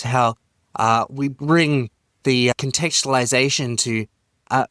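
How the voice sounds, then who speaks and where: An Australian man from Queensland hosts a podcast in a friendly, upbeat way. His voice is mid-pitched and the sound is dry and close. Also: fairly bright tone, no echo. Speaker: podcast host. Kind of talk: casual podcast chat.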